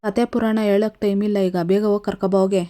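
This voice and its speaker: Woman reading an impatient sharp-tongued aunt. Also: medium pitch, little pitch movement, fast, clear, resonant tone, lightly acted. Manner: impatient, pointed. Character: sharp-tongued middle-aged female relative, impatient.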